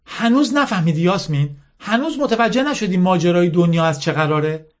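A man's voice: high voice, voice pushed up, natural voice. Scornful teenage girl general, lecturing, rhetorical questions, storybook reading, man reading.

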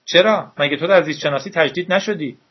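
A man voicing a lively, eager teenage girl, raising his husky voice higher for her. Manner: raised pitch, bright and eager. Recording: dull lo-fi recording.

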